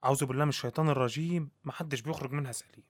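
A man plays a wary Egyptian doorman in a radio serial, talking very fast. He is folksy and deferential yet always ready to haggle, recorded close and dry. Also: medium pitch, steady tone, dry recording, lightly acted. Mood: reluctant, ominous. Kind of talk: radio drama acting.

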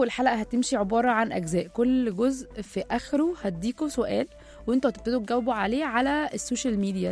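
Egyptian woman radio host, high voice, gravelly edge, quick chatty delivery, faint music behind. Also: darkish tone. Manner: chatty, talking straight to listeners. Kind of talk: casual radio talk show.

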